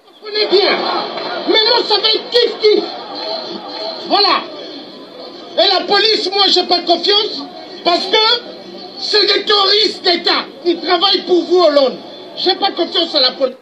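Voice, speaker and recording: A man at a street protest delivering a defiant, accusing speech, shouting at times. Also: very high-pitched, unhurried, long pauses. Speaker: protester in a played clip. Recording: dull lo-fi clip, loud crowd and noise.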